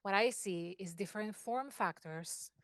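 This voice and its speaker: A woman's voice: mid-range voice, a little slow, no echo, studio quality. A woman with a Greek accent speaking at a meetup, demoing and checking in with the audience. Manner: animated, checks in with 'right?' and 'okay?'. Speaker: guest speaker. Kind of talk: fireside chat with live demos. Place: meetup classroom.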